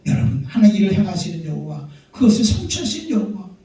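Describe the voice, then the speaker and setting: A man's voice: high-pitched, big pitch swings, fast talker, warm tone. A man, a pastor, preaching a sermon emphatically, full of rhetorical questions and repeated amens. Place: church sanctuary. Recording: very echoey church hall, mic far off.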